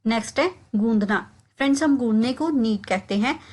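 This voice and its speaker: Higher-voiced woman teaching vocabulary. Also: darkish tone, rough recording. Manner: repeats each example phrase slowly; keeps calling the viewers friends. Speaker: language teacher. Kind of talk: vocabulary lesson.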